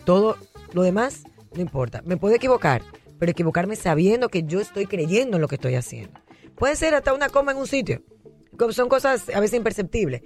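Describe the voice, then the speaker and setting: A woman's voice: medium pitch, soft background music. A middle-aged woman, a political candidate, telling stories in a candid interview. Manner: animated, rapid storytelling.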